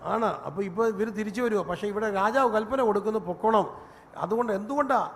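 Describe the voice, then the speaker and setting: A man preaching a sermon as pastor, telling stories with animated delivery and rising to a shout. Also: sits high, fast talker, faint music behind. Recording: long reverb, faint room noise.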